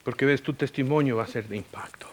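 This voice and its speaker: A man preaching a sermon as a pastor, telling a personal story with English words mixed in, moving between loud and hushed delivery. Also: medium pitch, quick pace. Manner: mixes English words into Spanish. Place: church.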